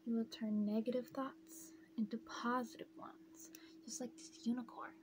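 A young adult woman giving a soft, soothing, repetitive whispered ASMR pep talk, close to the mic. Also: a little high, flat delivery, normal speed. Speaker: ASMR creator. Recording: clearly noisy, humming close-up recording.

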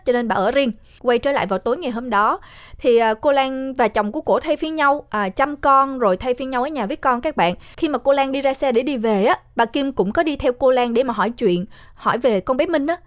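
Fast, high-voiced woman. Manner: chatty, addresses listeners directly. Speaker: storyteller recapping a horror film. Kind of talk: casual spoken retelling.

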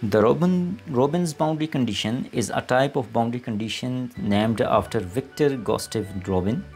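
Man, mid-pitched, creaky, deliberate dictating delivery, scripted lesson narration, faint background music. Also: a little mellow. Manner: deliberate, reading aloud in short phrases as if dictating. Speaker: maths lecturer.

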